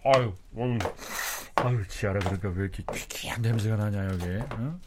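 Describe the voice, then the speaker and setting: A middle-aged man playing a boastful, grumbling father in a radio drama, quick to shout. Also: fairly low pitch, very noisy, natural voice. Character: blustering, idle middle-aged dad.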